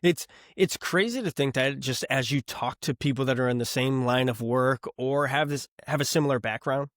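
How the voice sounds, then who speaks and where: A man hosting a podcast, asking questions in a relaxed, reflective way with hesitant restarts. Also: mid-range voice, normal speed, dry recording, studio quality. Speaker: podcast host. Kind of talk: casual interview conversation.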